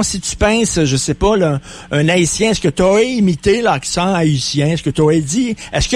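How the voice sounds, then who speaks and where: Quebec talk-radio host, provocative and pressing, voice a bit high. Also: male voice, slightly rough. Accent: Quebec French. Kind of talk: heated radio debate.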